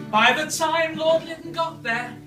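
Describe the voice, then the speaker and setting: High-voiced woman, unhurried, half-sung comic history with frequent giggles, recorded from a distance. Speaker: performer. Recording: echoey room, far from mic. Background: guitar playing.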